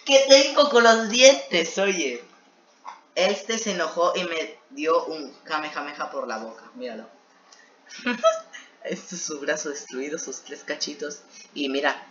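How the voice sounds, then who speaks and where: A man with a slightly high, pushed, bright voice reads his old homemade story aloud, mocking himself with joking asides between passages. He's a video creator reacting to his own old series, recorded in an echoey room with dull lo-fi sound and slight background noise.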